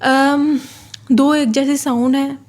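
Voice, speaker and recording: A woman from Pakistan, tutoring for an exam, explaining slowly, repeating key terms and reading English definitions aloud. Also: high-pitched, steady tone, a little mellow. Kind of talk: exam-prep lecture.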